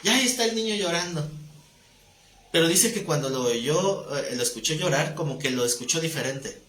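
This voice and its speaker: A man with a Mexican accent teaching a live Bible class to a group, animated and joking, acting out voices as he tells stories. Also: a little high, normal speed. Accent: Mexican Spanish. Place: room with a live audience. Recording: echoey room, faint noise.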